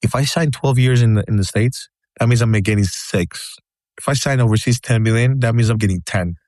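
A man from Greece chats about basketball on a podcast at a quick clip, words tumbling out and repeated. His voice sits mid-range and the recording is dry and close. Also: medium pitch, no echo. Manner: fast, excitable, repeats words and says "bro". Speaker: podcast co-host. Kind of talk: casual sports chat.

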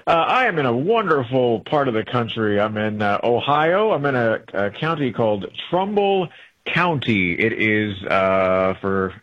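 A man's voice: mid-range voice, sing-song, unhurried, dull audio. A man who is a traveling correspondent, chatting casually and rambling with many fillers and restarts, heard through an AM radio broadcast. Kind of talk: casual call-in chat on a radio talk show.

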